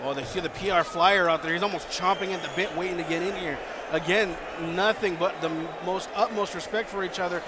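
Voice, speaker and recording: Guy doing lucha libre announcer color commentary, high animated voice, talks fast, noisy crowd in back. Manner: animated, explains and reacts to the action. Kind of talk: live wrestling color commentary. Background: wrestling crowd and ring slams.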